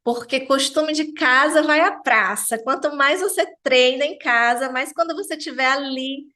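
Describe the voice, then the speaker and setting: A woman's voice: sits high, normal speed, bright, forceful tone. A woman teaching a French pronunciation lesson, saying each word carefully and repeating it.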